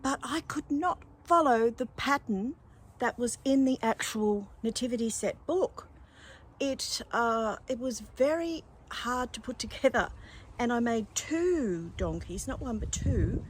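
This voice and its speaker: The poor-quality audio captures an older Australian vlogger with a fairly high, husky voice. She is animated and unhurried, chatting casually and effusively while calling her viewers darlings.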